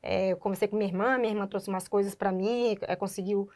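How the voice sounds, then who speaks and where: A young woman doctor, a guest in a casual interview, telling her story in an animated way and acting out the voices of people she quotes. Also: mid-range voice, quick pace.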